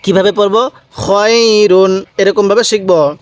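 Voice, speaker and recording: A man teaching Quran reading, drawing out each syllable slowly, repeating sounds and asking the viewer to say them back. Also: sits high, no room sound. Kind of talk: slow, patient recitation lesson.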